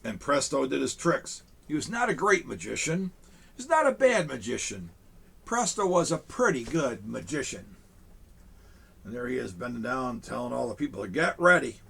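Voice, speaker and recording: Playing Santa, a storyteller reads a children's picture book to kids on a small studio set and chats with them between pages. His gravelly, husky voice sits a bit high for a man, swooping lively at a normal pace, full of warm, grandfatherly asides.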